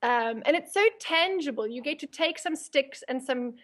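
A woman's voice: high voice, normal speed, fairly bright tone. A woman with a South African accent, chatting casually as an interview guest.

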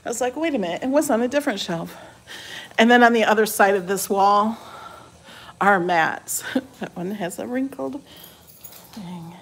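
In an informal walkthrough, a woman shows off the rooms of a small house and then the porch and driveway, chatting animatedly at medium pitch and normal speed with frequent pauses and a breathy edge. The tour is filmed handheld on a phone by a person behind the camera, so the moving audio is noisy.

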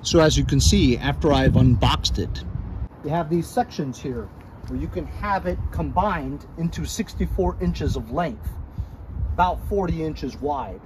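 A man's voice: fairly high pitch, animated, unhurried. Chatty middle-aged man reviewing outdoors. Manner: chatty, addresses viewers as guys. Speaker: product reviewer. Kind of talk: casual product review vlog. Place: outdoors in a suburban driveway. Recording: outdoor street noise behind.

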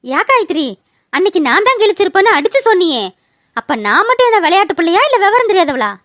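Cartoon schemer, a shrill, quarrelsome younger sister, very high-pitched and quick. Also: female voice, sing-song, a bit bright, full character voice. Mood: defensive. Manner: shrill and argumentative. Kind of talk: cartoon voice acting.

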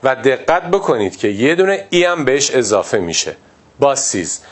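A man from Iran teaching a pronunciation lesson, explaining step by step and repeating example words slowly. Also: medium pitch, big pitch swings. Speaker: English teacher.

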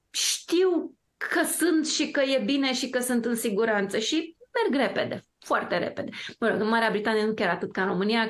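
Talk show guest: woman from Romania, brightish pitch, emphatic and sure of herself. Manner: emphatic, self-assured storytelling. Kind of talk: casual talk-show discussion.

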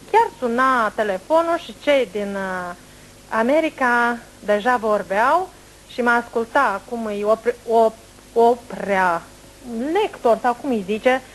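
A woman's voice: a little high, a little hiss or hum, poor audio. Chatty middle-aged woman. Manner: animated, rambling, folksy regional speech. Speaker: clairvoyant speaking to a group. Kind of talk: long storytelling monologue. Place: indoor meeting room, standing before a seated group.

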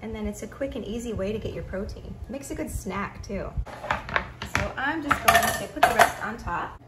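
A middle-aged woman hosting a cooking channel talks at medium pitch and moderate pace, chatting and explaining as she cooks at home. Her camera mic sits a few feet away, and the kitchen sounds echoey with a faint hum.

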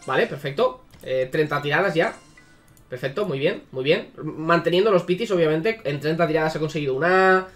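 A man's voice: a little high, fairly quick, fairly bright tone, soft background music. A man giving casual, sarcastic commentary on a mobile game, swearing freely. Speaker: gaming YouTuber.

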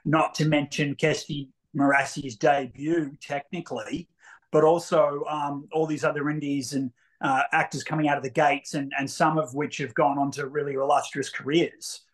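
A man's voice: a little high, flat delivery, normal speed. A man, a co-producer chatting enthusiastically over a webcam. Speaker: co-producer and actor. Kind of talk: casual interview on a video call. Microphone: video call webcam.

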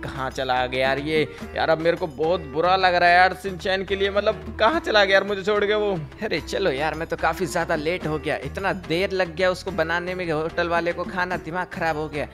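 A young man doing role-play commentary over his game, talking fast and emotionally to his viewers. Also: sits high, fairly even intonation, fairly bright tone, faint music behind. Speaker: gaming video creator.

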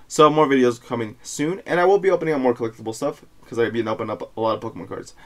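A young man hosting a pack-opening video, chatting casually with slangy, excitable frat bro hype. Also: mid-range voice, very fast. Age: young adult. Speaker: YouTube host opening trading card packs. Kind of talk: casual excited chat to camera. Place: small indoor room at home.

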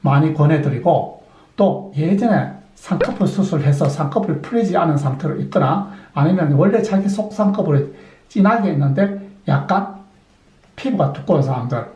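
A man's voice: on the high side, lively intonation, moderate pace, warm tone, roomy sound, lo-fi sound. A middle-aged man, a plastic surgeon, explaining surgical methods step by step, asking questions and answering them himself. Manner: methodical, poses and answers his own questions. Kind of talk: explanatory clinic talk.

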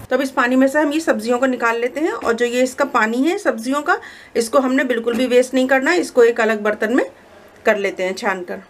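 A woman with a slightly high voice guides listeners through a recipe at an even, measured pace. Her tone is calm and instructive. Faint kitchen noise sits behind her. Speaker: cooking channel host. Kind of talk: step-by-step recipe voice-over. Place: home kitchen.

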